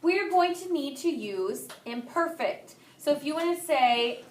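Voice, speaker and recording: A young woman teaching Spanish grammar to a class, explaining lively and asking students questions. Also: high-pitched, a little slow. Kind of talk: classroom lesson.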